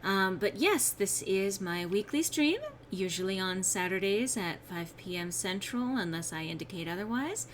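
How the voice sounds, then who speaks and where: A woman's voice: medium pitch, animated, normal speed, few pauses, a little hiss or hum. A woman hosting a casual gameplay stream, rambling and self-mocking, sounding a little under the weather and subdued. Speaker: streamer host.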